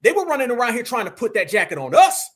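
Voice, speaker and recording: A man hosting a political commentary livestream, with a very high, bright voice. He talks in a combative, preachy way and keeps calling on the chat as family. His tone is sharp and mocking. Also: wildly swooping pitch, fast talker. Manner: combative, preachy, addresses the audience as family and y'all. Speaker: livestream host.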